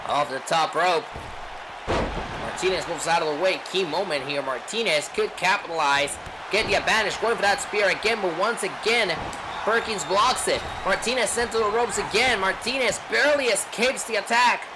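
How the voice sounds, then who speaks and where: A man's voice: high-pitched, moderate pace. A man doing live pro wrestling play-by-play commentary in short clipped calls and dramatic rhetorical questions. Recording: noisy venue with loud crowd. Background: crowd noise.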